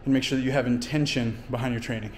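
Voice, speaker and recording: Casual male fitness coach vlogging, winded, middle pitch. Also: fairly even intonation, quick pace, background noise. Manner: explains training plainly between efforts, with fillers. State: out of breath. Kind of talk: casual workout vlog talk. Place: home gym and outdoors in winter.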